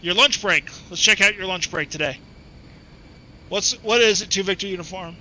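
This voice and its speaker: A man casually commenting on his flight simulator session, chatting and laughing easily while reading back radio clearances. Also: high voice, normal speed, sharp tone, a little hiss or hum, rough recording. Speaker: flight sim streamer.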